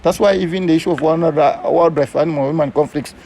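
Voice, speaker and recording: A man's voice: fairly high pitch, fast, mellow. A Zambian man, a community conservation coordinator, recounting his story earnestly in an interview. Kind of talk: interview recollection.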